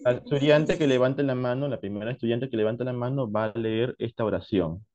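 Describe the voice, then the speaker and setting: Male English teacher from Peru, unhurried classroom explainer, dull low-fidelity recording. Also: darkish tone. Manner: slow, deliberate explanations mixing Spanish and English. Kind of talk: online class lesson.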